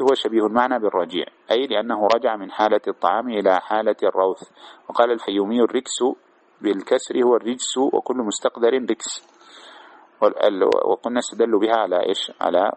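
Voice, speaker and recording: A man teaching a classroom lesson, reading a text aloud and explaining it, often checking with his students. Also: on the low side. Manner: fast, checks understanding with asides to students. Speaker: teacher of hadith commentary.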